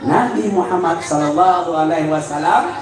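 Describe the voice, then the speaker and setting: A man from West Sumatra preaching a sermon in a mosque, joking, quizzing the audience and shouting key lines. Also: a little high, moderate pace, distant mic. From West Sumatra, Indonesia. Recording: very echoey mosque hall, heard from afar, with audience.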